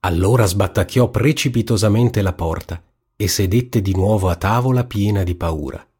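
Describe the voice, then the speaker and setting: A man narrating a fairy tale in a calm, even storybook reading. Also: fairly low pitch, normal speed, husky.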